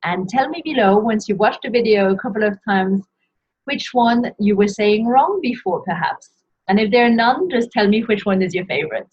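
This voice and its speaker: Husky woman teaching French pronunciation. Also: medium pitch, expressive. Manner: models each word slowly for repetition. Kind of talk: video pronunciation lesson. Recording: dull lo-fi sound.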